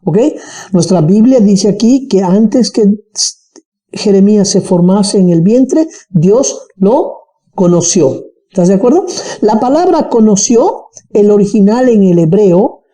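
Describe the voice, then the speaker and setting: A Bible teacher with a Bolivian highland accent, giving an animated Bible study lesson and checking in with listeners often. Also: measured pace. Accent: Bolivian highland (colla).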